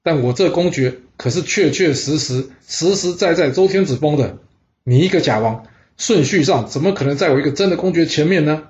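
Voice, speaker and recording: A man's voice: medium pitch, fairly quick, darkish tone, close to an everyday voice. A man playing a proud, stubborn ancient duke. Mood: indignant. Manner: indignant, insistent. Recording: dull lo-fi recording.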